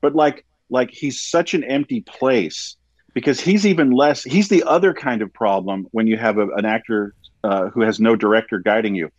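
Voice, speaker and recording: An emphatic man co-hosting a podcast with a mid-pitched voice. He stammers through restarts and fillers as he makes his point. His mic sounds dull and lo-fi, with a dry, close sound. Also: moderate pace, no echo. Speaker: podcast co-host. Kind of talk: casual film review chat.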